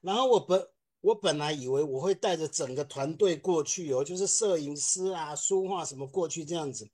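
A man, a film director giving a lively testimony to a church congregation and acting out the people in his story. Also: fairly high pitch, normal speed. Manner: animated storytelling, acts out quotes.

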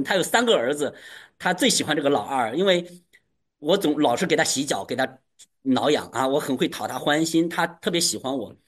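A man preaching to his congregation, telling a personal testimony with animated, emphatic storytelling. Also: fairly high pitch, husky. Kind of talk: testimony sermon.

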